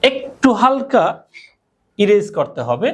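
Woman, English teacher, classroom lesson, quizzing and drilling, mid-pitched voice. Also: big pitch swings, takes it slowly. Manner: drilling and quizzing students with repeated questions.

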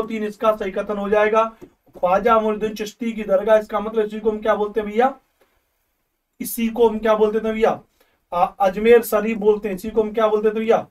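A male teacher running a live online revision class. He quizzes viewers, repeats questions slowly and jokes with them. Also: high-pitched, far from the mic. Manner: joking banter with viewers.

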